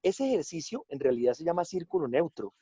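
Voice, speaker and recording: Colombian man telling animated stories. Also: a little high, a little fast, slightly rough, no room sound. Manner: animated storytelling, drops into quoted voices. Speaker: guest actor and director. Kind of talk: casual chat. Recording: dull lo-fi, dry sound.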